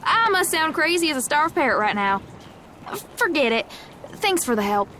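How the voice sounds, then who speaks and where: An actress playing a gruff, wary young gunslinger in a video game, stubborn and world-weary, with a blunt, folksy Southern US drawl. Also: female voice, high-pitched, big pitch swings, normal speed, sharp tone, slight background noise, exaggerated voice. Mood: sheepish. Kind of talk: video game character acting.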